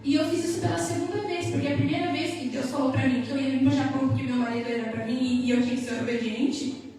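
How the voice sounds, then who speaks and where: High-voiced Brazilian woman preaching in an echoey hall. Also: quick pace. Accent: Brazilian Portuguese. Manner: animated, acts out dialogue, sing-song preaching lilt. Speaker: church member giving testimony. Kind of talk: emotional sermon testimony. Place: church hall. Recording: echoey hall from far off, music behind.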